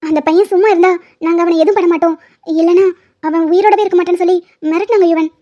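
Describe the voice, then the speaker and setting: A woman voicing a sassy, sharp-tongued college girl. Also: very high voice, fairly even intonation, fast, lo-fi sound. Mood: pleading.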